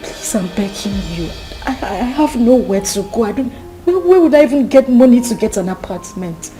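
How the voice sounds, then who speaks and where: An actress playing a distressed, cornered young pregnant woman with a Nigerian accent, pleading haltingly in a film drama. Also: medium pitch, a bit bright, faint music behind, lightly acted. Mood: pleading, desperate. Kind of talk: Nollywood film acting.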